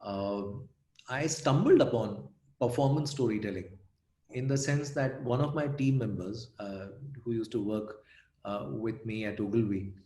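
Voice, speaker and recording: A man from India telling anecdotes in an interview, bringing quoted people to life in an animated way. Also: lowish voice, measured pace, echoey room. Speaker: storyteller and guest. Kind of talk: conversational interview.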